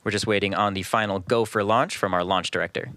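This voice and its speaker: Smooth, lowish-voiced man giving live launch commentary. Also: fairly even intonation, quick pace, pushed and bright, no echo. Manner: composed, informative. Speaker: launch webcast host.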